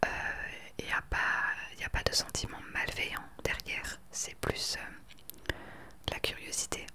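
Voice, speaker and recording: A woman in her late twenties talking earnestly and with conviction in a soft whispered ASMR chat into a desktop microphone. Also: unhurried. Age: 20s. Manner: earnest, opinionated. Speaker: ASMR creator. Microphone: desktop USB microphone.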